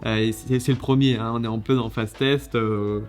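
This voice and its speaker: A man hosting a casual video, judging contest entries in a lively, chatty way with many fillers and restarts. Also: medium pitch, moderate pace, faint music behind.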